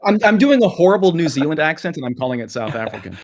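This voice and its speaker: Joking guy mod, super lively bouncy voice. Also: a little high, quick pace, slight background noise. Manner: joking, playful. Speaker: moderator. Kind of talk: casual chat.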